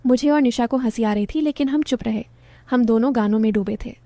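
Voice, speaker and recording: A woman narrating a romantic family story in the first person, calm and even. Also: fairly high pitch, brisk, no echo.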